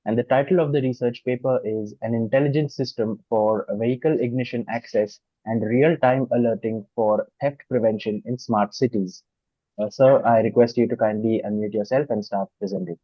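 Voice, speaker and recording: A man's voice: medium pitch, fairly even intonation, no room sound. Polite male session moderator, dull dry audio. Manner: polite, formal, with hesitant pauses. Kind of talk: formal conference moderating. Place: online video conference call.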